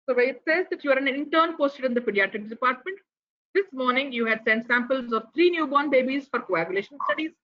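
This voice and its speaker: Indian English woman, lecturer, fairly high voice, asks questions to teach, dull online audio. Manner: explanatory, poses rhetorical questions, some restarts. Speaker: pathology lecturer giving a keynote.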